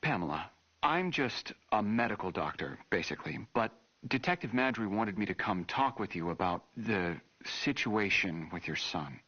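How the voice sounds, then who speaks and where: Soothing american doctor, careful n hesitant, bit husky, muffled old interview tape, game acting. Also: male voice, fairly low pitch, very animated, normal speed, sharp tone, full character voice. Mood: gentle, careful. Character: gentle, tactful young medical doctor. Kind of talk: dramatic game voice acting as a taped police interview.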